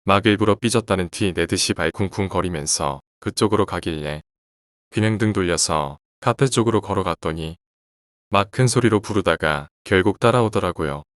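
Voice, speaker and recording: Brief: deep-voiced man, steady horror storyteller, close and dry sound. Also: normal speed, no echo. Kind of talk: scripted narration of a first-person horror story.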